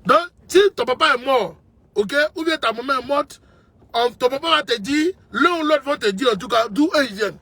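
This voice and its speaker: Here a political commentator from Côte d'Ivoire talks at normal speed in a very high, expressive voice that is pushed, bright and husky, with some vocal fry. There's no room sound as he passionately repeats his arguments to the listener as to a brother.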